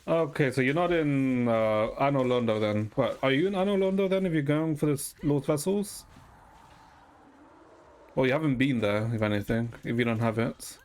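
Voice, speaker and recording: Over background music, a man with an expressive, mid-range voice talks at normal speed while streaming a game. His tone is clean and a bit mellow as he casually chats with viewers, mulling things over hesitantly with some mild swearing.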